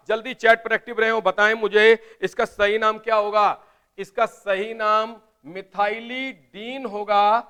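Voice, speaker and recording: A man teaching chemistry in a live online class, explaining step by step and urging students to answer quickly in the chat. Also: high-pitched, a bit bright, clear, resonant tone. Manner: explains step by step, often asks "right?".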